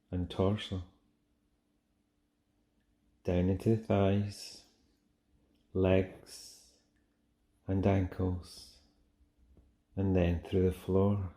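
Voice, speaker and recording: A man guiding a relaxation meditation in a soft, soothing, gentle manner with long pauses. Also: sits low. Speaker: meditation guide. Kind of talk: guided relaxation meditation, soothing scripted narration.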